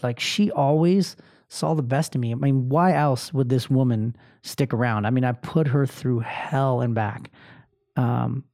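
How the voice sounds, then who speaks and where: A man's voice: medium pitch, mellow, no room sound. Man, podcast host, casual monologue, swears freely, self-deprecating, dry close recording. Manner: candid, self-deprecating storytelling.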